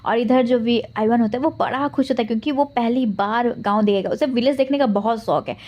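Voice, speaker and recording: A woman narrating a fan story in a rapid, chatty way as channel host. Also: fairly high pitch, darkish tone.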